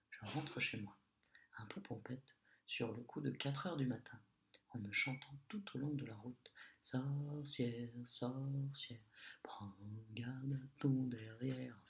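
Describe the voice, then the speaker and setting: A man telling a storybook tale in a hushed, deliberate whisper. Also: medium pitch, animated, slight background noise.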